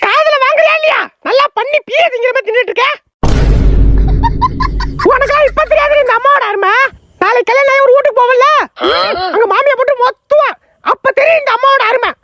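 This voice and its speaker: A woman's voice: very high voice, brisk, sharp tone, voice pushed up. A woman playing a nagging middle-aged mother who scolds shrilly and wails complaints.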